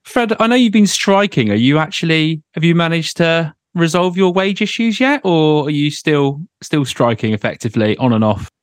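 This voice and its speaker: A man's voice: a little high, expressive, moderate pace, few pauses, smooth, no echo, clean studio sound. A man hosting a podcast in a casual, chatty style. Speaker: podcast host. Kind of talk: casual chat.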